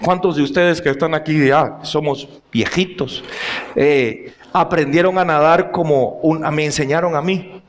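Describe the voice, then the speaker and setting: A man's voice: a little high, measured pace. A middle-aged male pastor preaching a sermon, telling anecdotes and putting questions to the congregation.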